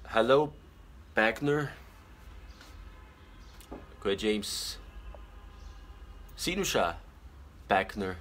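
A young adult man, a pageant titleholder whose first language is Arabic, chats casually on a live stream from a small bedroom, reading viewer comments and offering earnest advice with frequent filler pauses. His medium-pitched voice is bright and forceful, picked up by a phone camera held at arm's length.

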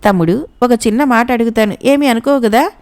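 A sly neighbor woman in a spoken storybook, voiced by a woman narrator. She coaxes in a sweet, honeyed way. The tone is smooth and slightly high. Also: fairly quick, a little mellow, natural voice. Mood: coaxing. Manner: coaxing and honeyed.

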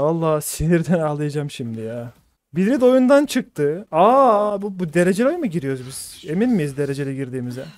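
A man's voice: on the high side, a little mellow. A man streaming a game, ranting in exasperation and swearing as he reads out his teammates' chat. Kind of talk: live gaming commentary.

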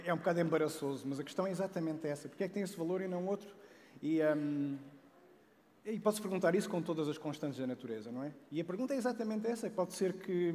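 A little high in pitch, a man in his forties from Portugal talks casually about science to an auditorium audience through a headset mic. He's animated, restarts often, tosses in jokes and "não é?" tags, and the recording carries long hall reverb plus slight background noise.

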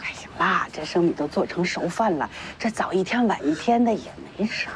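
A woman's voice: lowish voice, expressive, brisk, a little hiss or hum, natural voice. An actress playing an older village mother from northeast China, fussing, scolding her son and soothing a girl, with a Northeastern accent. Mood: coaxing. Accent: Northeastern Chinese. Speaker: mother of Bingkun. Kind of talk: TV drama acting.

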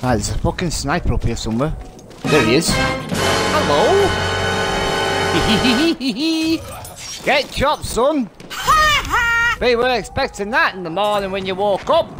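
A man talks over his own gameplay in a loose, swearing stream, taunting the players he takes down. His pitch swings widely while his pace stays slow and drawn out. Music and gunfire from the game sit clearly under his voice. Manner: excitable, swears constantly, taunts enemies, laughs often. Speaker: gamer narrating his clips. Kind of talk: gameplay commentary.

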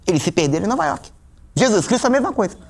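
An actor playing a self-assured male van driver who talks about films, with a Brazilian accent, making absurd statements in a deadpan way. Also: high voice, racing, gravelly, exaggerated voice.

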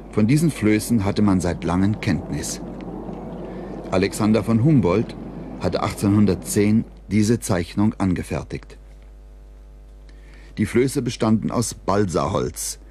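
A man reading scripted documentary narration in a measured, even storytelling delivery. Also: fairly low pitch, slight background noise.

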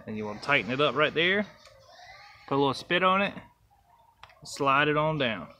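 A man's voice: a little high, lively intonation, moderate pace, sharp tone, a little hiss or hum. A young man, casually demonstrating a fishing knot outdoors, counting the steps aloud. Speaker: fishing channel host. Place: outdoors by trees and a truck. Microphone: camera close up, held near face.

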